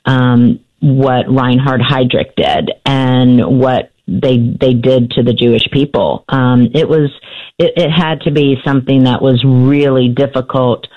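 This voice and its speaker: A woman's voice: very deep voice, steady tone, unhurried. A middle-aged woman, an author and radio guest, telling her family story hesitantly with many fillers and restarts, heard through a dull lo-fi AM radio sound. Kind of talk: radio interview, personal storytelling.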